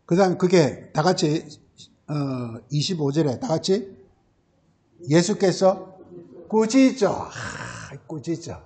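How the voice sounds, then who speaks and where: A man's voice: a little high, lively intonation, takes it slowly, long pauses, a little mellow. A pastor preaching a Sunday sermon. He keeps asking questions and answering them himself, uses a lot of filler words, and often tacks a short tag word onto the end of a phrase.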